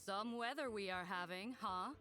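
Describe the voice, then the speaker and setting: A woman's voice: mid-range voice, normal speed, pushed and bright, faint music behind, lightly acted. A woman voicing a female robot in a video game, clumsily faking being human with stiff, overly formal small talk. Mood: stiffly polite.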